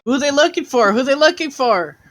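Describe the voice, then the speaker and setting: A game master voicing an excited, nosy little half-elf girl who calls out loudly. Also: fairly quick. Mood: eager. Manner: shrill calling out.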